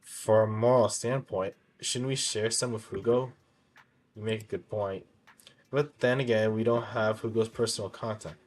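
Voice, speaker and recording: Reading game story text aloud and reacting to it, this man has a fairly low voice with fairly even intonation. His delivery is halting, and he occasionally stumbles and corrects what he misread.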